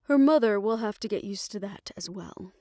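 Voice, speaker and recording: A woman's mid-range voice, animated yet lightly acted, brings to life a tender, world-weary lover in a romantic fantasy roleplay. She stays measured, reflective and intimate, resigned in mood, using formal phrasing with soft hushed moments across an intimate scripted monologue in clean, echo-free studio sound.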